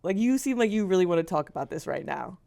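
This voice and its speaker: A young woman co-hosting a podcast, teasing her co-host in a playful, quick-reacting way. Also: on the low side, big pitch swings, gravelly, mellow. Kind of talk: casual chat.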